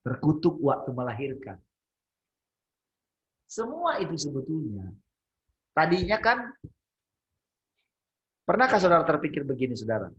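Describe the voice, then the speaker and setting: A man's voice: a little high, big pitch swings, moderate pace, long pauses, a bit bright, highs cut off. A man leading an interactive Bible study on a video call, talking conversationally, asking the group questions and often searching for words. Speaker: Bible teacher.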